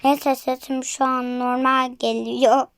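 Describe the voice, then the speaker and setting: Hoarse high-voiced woman chatting over a game. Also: flat delivery, takes it slowly, dry recording, clean studio sound. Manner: chatty, apologetic asides to viewers. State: hoarse, voice giving out. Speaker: gaming channel host. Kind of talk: casual mobile game commentary. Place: home bedroom. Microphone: tablet microphone.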